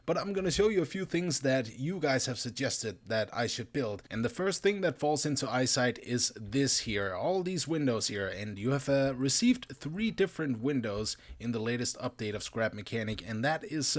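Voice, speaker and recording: Tired-voiced man giving excitable gameplay commentary. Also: mid-range voice, normal speed, hardly any pauses. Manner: excitable, laughs and exclaims while playing. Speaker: gaming YouTuber.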